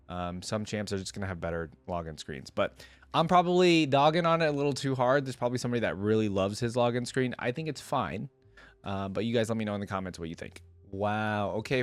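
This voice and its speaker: A man hosts a reaction video, rambling casually and thinking aloud as he comments. His voice is on the low side and recorded dry, with music playing in the background.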